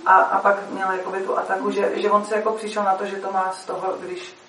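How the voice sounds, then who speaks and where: A woman's voice: mid-range voice, monotone. A woman performer chatting casually, rambling with lots of fillers as she tells a story. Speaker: stage performer. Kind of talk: casual chat. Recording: echoey room, mic far off, faint noise.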